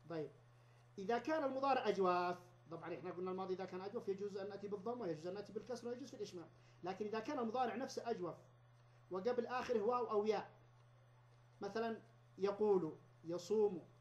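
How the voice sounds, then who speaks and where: Male lecturer, patient step-by-step explainer, slow repeated examples, dull lo-fi recording with faint noise. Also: high voice, darkish tone. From Yemen. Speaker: university lecturer. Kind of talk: university lecture.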